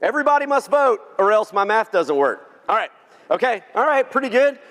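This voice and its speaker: A man's voice: high-pitched, expressive, brisk, a bit bright. A man with a Texan accent giving a joking, folksy keynote speech to a luncheon crowd, asking the audience to vote along. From Texas. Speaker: keynote speaker. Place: large banquet hall. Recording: reverberant hall.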